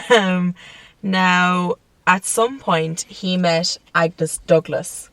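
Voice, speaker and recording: A woman's voice: on the low side, extremely slow, pushed and bright, no echo, recorded from a distance. A woman co-hosting a casual true-crime podcast, telling the story with frequent laughs and swearing. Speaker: podcast co-host. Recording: dry sound, set back from the mic.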